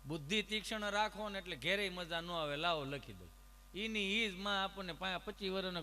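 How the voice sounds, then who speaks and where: A man telling comic folk stories to a live audience, full of lively anecdotes, acted dialogue and rhetorical asides. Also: sits high, a little hiss or hum. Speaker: comic storyteller. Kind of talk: Gujarati folk humor storytelling to a live audience. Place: stage at an ashram program.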